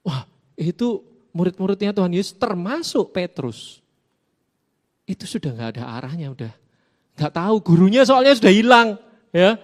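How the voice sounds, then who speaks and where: A high-pitched man gives a casual youth sermon. He keeps it lively, tossing questions and playful asides to his listeners. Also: normal speed, long pauses. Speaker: youth preacher. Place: church hall.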